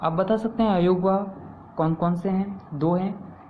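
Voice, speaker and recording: A man's voice: sits high, steady tone, a little slow, a little hiss or hum. A man teaching a grammar lesson, asking his listeners questions, answering them himself, and repeating the key terms. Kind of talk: classroom-style grammar lesson. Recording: echoey room over a tinny phone-like line.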